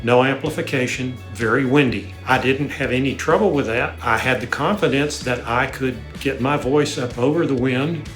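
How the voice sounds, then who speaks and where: A man's voice: medium pitch, normal speed, hardly any pauses, a bit bright, faint music behind. Sincere older man. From Texas, USA. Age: 60s. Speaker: student testimonial. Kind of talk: personal testimonial.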